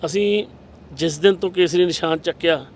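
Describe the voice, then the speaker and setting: A man's voice: fairly high pitch, normal speed, slight background noise. A man, a political candidate giving impassioned, rhetorical interview answers and retelling scenes with quoted dialogue.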